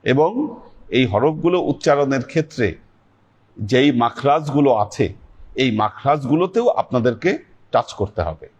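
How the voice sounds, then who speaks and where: A male teacher leads a classroom lesson, taking his time as he walks through each Arabic letter and stretches the sounds out for his students. His voice sits at an ordinary middle pitch. The livestream audio comes across a little dull. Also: animated. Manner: slow, patient and instructive, drawing out letter sounds. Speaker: Sufi teacher leading a weekly class.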